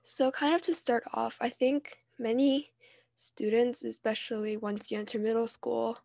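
A woman's voice: a little high, fairly even intonation, normal speed, creaky, a little mellow, dry recording. Nasal teenage girl, close and dry. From New Jersey. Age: teens. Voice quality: nasal from allergies. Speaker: podcast co-host. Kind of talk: personal podcast monologue.

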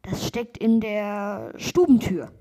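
A woman voicing a calm, sly old man in a read-aloud fairy tale, speaking slowly and with gentle amusement. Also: medium pitch.

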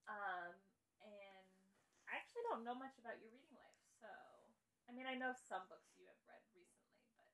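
A woman co-hosting a book podcast, chatting in a relaxed way with lots of "like". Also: a little high, moderate pace, poor audio. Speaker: podcast co-host. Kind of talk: casual chat.

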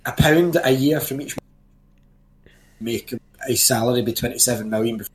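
A man's voice: medium pitch, moderate pace. A man in his thirties co-hosting a casual video game podcast, blunt and jokey, swearing freely and talking over his co-host. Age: 30s. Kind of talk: casual chat.

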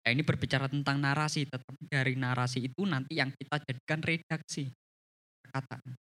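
A man teaching a church leadership class on communication. He is lively and often tags his sentences with a questioning "ya". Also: brisk. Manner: animated, frequent rising pitch, tags sentences with "ya".

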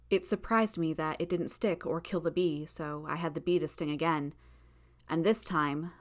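A woman with a notably low-pitched voice narrates a first-person audiobook. Her delivery is steady and measured, with tense asides as the story moves along.

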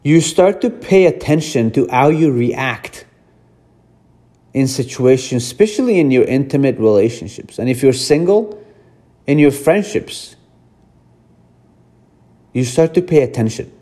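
A man's voice: mid-range voice, lively intonation, unhurried, pauses often, warm tone. A man who grew up in Afghanistan, hosting a podcast and talking earnestly to listeners in a reflective self-help monologue, often repeating himself. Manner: earnest, repetitive, addresses listeners directly. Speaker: podcast host.

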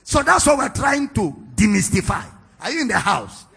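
A Nigerian man preaching a sermon in a church, teasing the congregation with questions and then building to shouted climaxes. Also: high voice, big pitch swings, moderate pace, vocal fry, slightly rough, faint music behind. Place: church hall, large, indoors.

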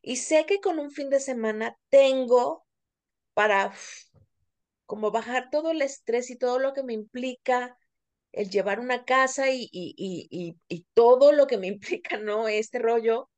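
A woman's voice: on the high side, measured pace, darkish tone. A middle-aged Mexican woman co-hosting a podcast, talking candidly and casually with plenty of fillers. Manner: candid, confessional, many fillers. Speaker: podcast co-host.

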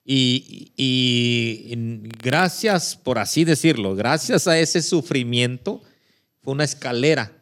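Male guest, mid-pitched, agreeable, casual church talk. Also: expressive, a bit bright. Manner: agreeable, quick affirmations. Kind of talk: casual faith conversation.

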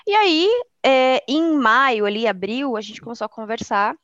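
A woman's voice: fairly high pitch, lively intonation, moderate pace, a bit bright, dry recording. Candid woman, dry muffled sound. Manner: candid, rambling, with many restarts and quoted speech. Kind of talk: casual personal chat.

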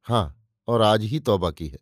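A man's voice: fairly low pitch, lively intonation, measured pace, dry recording, clean studio sound. A man voicing an earnest young man who pleads and reproaches with moral conviction. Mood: refusing politely.

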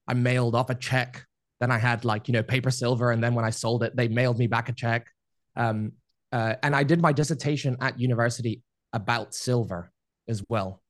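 A man in his thirties, a podcast guest, telling his life story in a relaxed, rambling way with many fillers. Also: mid-range voice, no room sound, studio quality. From Spain. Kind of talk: casual interview storytelling.

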